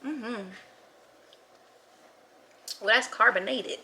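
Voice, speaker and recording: A woman chats playfully to her camera in a small indoor rental. Her voice is bright and forward, bubbly and full of laughs. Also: a little high, extremely slow, slight background noise. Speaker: travel vlogger. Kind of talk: casual chat. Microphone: camera mic, talking to camera.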